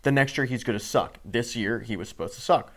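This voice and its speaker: A man's voice: medium pitch, fairly quick. A man giving a heated, sarcastic sports rant to camera, swearing freely. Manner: fired-up, sarcastic, profane. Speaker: sports commentator.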